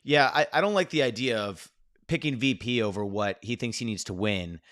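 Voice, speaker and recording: A man's voice: mid-range voice, moderate pace, fairly bright tone, dry recording, clean studio sound. A man co-hosting a casual political chat show, speaking in a blunt, opinionated, laid-back way. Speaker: podcast co-host.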